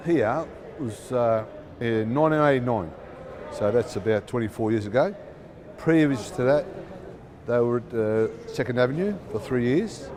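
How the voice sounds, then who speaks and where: Mid-pitched man explaining things informally. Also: darkish tone. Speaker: club representative.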